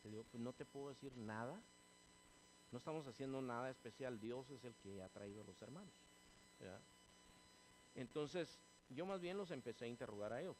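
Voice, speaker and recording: A man preaching a sermon as pastor, calling his listeners brothers and growing loud and animated as he tells his story, then closing in prayer. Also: medium pitch, a little hiss or hum, poor audio. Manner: addresses listeners as hermanos, grows loud and animated in stories. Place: church.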